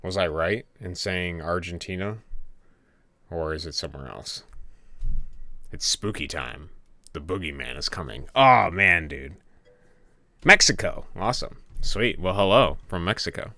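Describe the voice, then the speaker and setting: A young Michigan game developer hangs out on a late-night stream, laid-back and chatty, reading chat aloud as keyboard typing and clicking sound behind him. His voice sits low, expressive and unhurried, with frequent pauses and a sharp tone, with no room sound.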